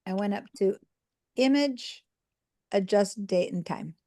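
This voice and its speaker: This is a live online class demonstration by an Argentine woman whose medium-pitched voice is slow and mellow. She talks students through every step with patience, checking in with them and using fillers.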